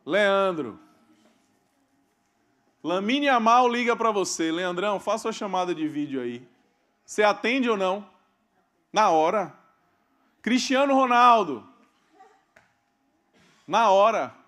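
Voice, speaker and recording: A man preaching a sermon as pastor, asking questions of the congregation and swinging between loud emphasis and quiet asides. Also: high-pitched, lively intonation, slow, long pauses. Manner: calls out questions to the congregation and waits for amens. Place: church hall.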